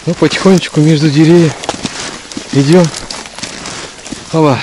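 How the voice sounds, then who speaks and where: Filming himself with an action camera at arm's length, a man in his forties walks a frosty, snow-covered pine forest and narrates a casual hiking vlog. His voice is on the high side with fairly even intonation and normal speed, chatty yet breathless from the snow. Background noise is present.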